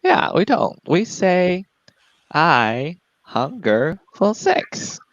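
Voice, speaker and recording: Man doing stand-up, lively pitch. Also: extremely slow, no echo, highs cut off. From Taiwan. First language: Mandarin Chinese. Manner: laughs at his own jokes, voice jumps high for punchlines. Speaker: stand-up comedian. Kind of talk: stand-up comedy set.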